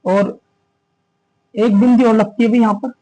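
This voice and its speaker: High-voiced man teaching grammar. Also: little pitch movement, mellow, low-quality recording. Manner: repeats key terms as questions to students; slows down to stress terms. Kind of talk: exam-prep grammar lesson.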